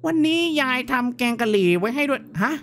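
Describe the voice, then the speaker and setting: A man voicing a gentle, eerily calm elderly grandmother in a horror game, speaking in soft sing-song invitations. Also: very high voice, a little fast, slight background noise, full character voice. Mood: sweetly eerie.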